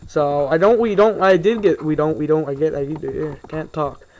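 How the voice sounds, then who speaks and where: A man's voice: fairly high pitch, fairly even intonation, normal speed, a little mellow. A young man giving casual, rambling commentary while he plays a video game, often sidetracked and grumbling in asides. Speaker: gaming video host. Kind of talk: casual let's play commentary.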